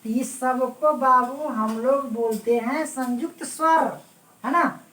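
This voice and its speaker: A woman's voice: sits high, takes it slowly, fairly bright tone, distant mic. A woman teaching Hindi grammar for exam prep. She repeats her points and keeps checking that her students follow, addressing them fondly. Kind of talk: exam-prep classroom lecture. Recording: roomy echo, voice away from the mic.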